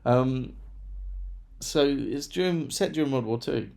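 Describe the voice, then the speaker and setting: A man's voice: medium pitch, expressive, measured pace, creaky, darkish tone. A man chatting casually through a monthly book review, rambling with self-deprecating asides. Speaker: book vlogger.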